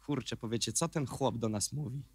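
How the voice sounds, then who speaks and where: A man preaching a sermon as pastor, emphatic, swinging from quiet remarks to shouted questions. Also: medium pitch, brisk, husky, no echo.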